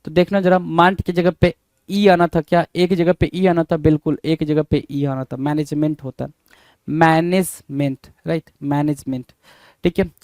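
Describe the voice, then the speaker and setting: A man's voice: a little high, fairly even intonation, moderate pace, darkish tone, no room sound. A man teaching an English spelling lesson, spelling words out letter by letter and asking and answering his own questions.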